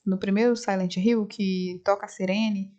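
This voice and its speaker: A woman's voice: medium pitch, fairly even intonation, normal speed, mellow. A woman casually retelling a film scene by scene for her channel, acting out the characters' lines as she goes. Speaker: film reviewer. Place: home, right after the cinema. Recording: slightly dull lo-fi sound.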